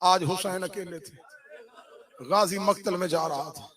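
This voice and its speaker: A male cleric delivering a Muharram mourning sermon, moving from hushed storytelling to loud, wailing chanted cries. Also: high-pitched, a little slow, crowd noise. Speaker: Shia cleric reciting a Muharram majlis. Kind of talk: sermon, chanted martyrdom recitation. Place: majlis hall during Muharram.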